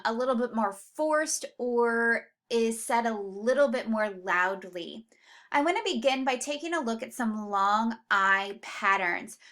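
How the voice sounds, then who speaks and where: Lady teacher going over spelling words real slow, bright voice. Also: fairly high pitch. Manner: slow, careful, stretches out example words. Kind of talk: spelling lesson for students.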